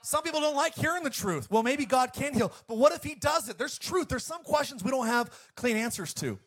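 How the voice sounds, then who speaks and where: A man's voice: extremely high pitch, animated, fairly quick. A male pastor preaching an emphatic sermon to his congregation. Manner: emphatic, preacherly, swings between loud and quiet.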